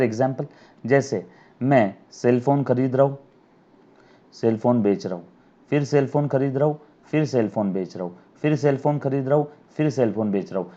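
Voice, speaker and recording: A man teaching accounting on camera, dictating terms slowly and repeating them so students can write along. His voice is mellow and dark, heard through a slightly dull, lo-fi recording. He keeps checking in with "yes or no?" and calls the students his children. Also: medium pitch. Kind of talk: recorded video lecture. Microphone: camera mic.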